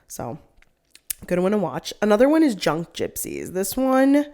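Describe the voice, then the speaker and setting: A woman's voice: mid-range voice, huge pitch swings, unhurried, dark tone. A young woman co-hosting a casual chat, rambling with lots of "like" and frequent laughter. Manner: rambling, heavy use of "like", laughs often. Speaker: co-host.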